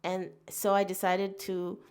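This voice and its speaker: Slow, earnest woman from Taiwan, musing. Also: mid-range voice, completely flat delivery, a little mellow, smooth. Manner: earnest and musing, with frequent fillers and restarts. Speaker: podcast host. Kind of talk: reflective podcast monologue.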